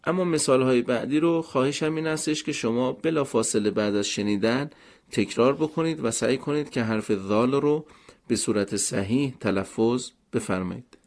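A man teaching correct Quranic letter pronunciation in a polite, measured, step-by-step instructional manner. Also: mid-range voice, darkish tone. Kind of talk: formal instructional talk.

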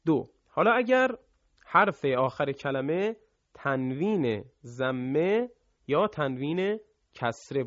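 A man teaching Quran recitation rules, explaining quickly between slow, chanted examples for students to repeat. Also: mid-range voice, no room sound. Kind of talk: recorded tajwid lesson with recited examples. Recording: dull lo-fi sound.

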